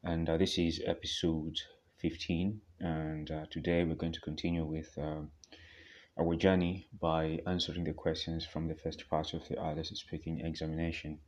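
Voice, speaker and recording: A man from Tanzania, hosting a podcast and answering speaking-exam questions with many pauses and fillers. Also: very deep voice, little pitch movement, a little mellow, dull audio. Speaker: podcast host. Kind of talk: speaking-exam practice monologue.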